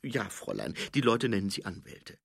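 Man doing a sly scruffy corporal: dry, husky, lively. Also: lowish voice, fairly quick, dry recording, exaggerated voice. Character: sly scruffy male city watch corporal.

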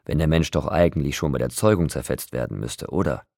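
A man voicing a guilt-ridden young male vampire who speaks quietly and in a strained, hushed way. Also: a bass voice, fairly quick, vocal fry, no room sound, clean studio sound, exaggerated voice. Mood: anguished.

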